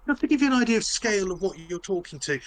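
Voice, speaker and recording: A man narrating as game master of a tabletop role-playing game, talking haltingly with many restarts and fillers. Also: high-pitched, big pitch swings.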